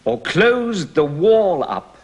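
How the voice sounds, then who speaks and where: A man's voice: high voice, sing-song, full character voice. A rousing warrior king. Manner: stately, drawn-out declamation with heavy stresses. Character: king rallying his soldiers to battle. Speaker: actor in a verse workshop. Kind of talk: declaimed Shakespearean verse.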